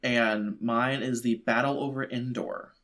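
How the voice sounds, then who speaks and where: A man's voice: mid-range voice, steady tone, unhurried, a bit bright. A man co-hosting a podcast who rambles in casual chat, full of "like" and "you know". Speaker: podcast co-host.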